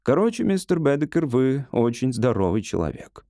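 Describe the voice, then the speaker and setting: A patient middle-aged doctor, read by a male narrator, explaining things in a level, reassuring way. The tone is mellow and unhurried, and the recording is dry and close. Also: mid-range voice, big pitch swings, no room sound. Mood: calm. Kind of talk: audiobook character voice.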